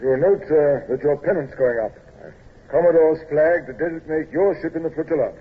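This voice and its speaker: An actor playing a dutiful, loyal navy captain in a radio drama, husky and stiffly respectful, sometimes hesitant. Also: male voice, fairly high pitch, brisk. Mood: formal, dutiful. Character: dutiful, deferential middle-aged navy captain, loyal old friend. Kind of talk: old-time radio drama acting. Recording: tinny, narrow old radio recording.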